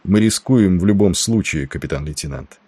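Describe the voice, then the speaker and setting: Male narrator voicing a weary, controlled captain; low, even delivery in an audiobook. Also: breathy edge, dry recording. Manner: measured, tired, calm commands.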